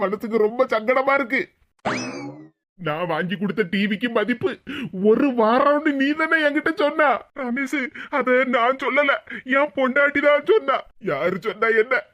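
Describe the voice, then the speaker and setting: High-pitched bantering village buddies. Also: male voice, a bit bright. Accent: Tirunelveli Tamil. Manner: melodramatic, comic bantering. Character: two bantering young village men, brothers-in-law and friends. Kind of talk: cartoon voice acting. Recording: dull lo-fi sound.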